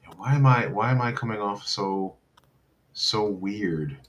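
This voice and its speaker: A man with a fairly low voice speaks over an internet video call whose audio drags, freezes and turns robotic. A faint hiss sits under the line. He talks casually and hesitantly, restarting his words as he goes. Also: unhurried. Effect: glitchy, robotic-sounding video call audio that drags and freezes. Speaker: co-host on a live stream. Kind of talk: casual live-stream chat. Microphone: computer mic over an internet video call.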